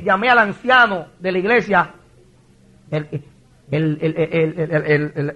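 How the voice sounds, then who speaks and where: A male pastor in his forties preaches with fervent emotion, his voice husky and pushed hard. His delivery sits a little high and often stumbles over repeated words as he tells his own story. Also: fairly bright tone, lo-fi sound. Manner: emotional testimony with frequent stumbling repetitions. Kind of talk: impassioned sermon.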